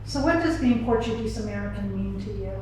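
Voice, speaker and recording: Woman doing a casual interview, dark mellow voice, encouraging, super echoey room. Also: mid-range voice, expressive, a little fast. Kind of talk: conversational oral history interviewing. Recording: very echoey room, faint noise.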